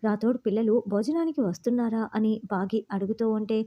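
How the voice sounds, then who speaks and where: A woman's voice: fairly high pitch, a little fast. A woman narrating a TV serial recap, retelling scenes and quoting each character's lines. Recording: dull lo-fi sound.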